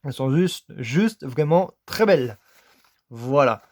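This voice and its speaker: A man from France, talking casually about his toy car finds, enthusiastic and halting, piling up "very" again and again. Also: mid-range voice, expressive, a little mellow. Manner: enthusiastic, repeats "très" over and over, halting with many "euh". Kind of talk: casual unboxing commentary.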